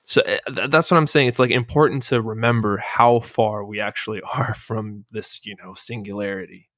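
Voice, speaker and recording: A man's voice: fairly low pitch, moderate pace, a bit bright, no room sound, studio quality. A man hosting a casual podcast discussion, explaining at length and often checking in with "right?". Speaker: podcast host.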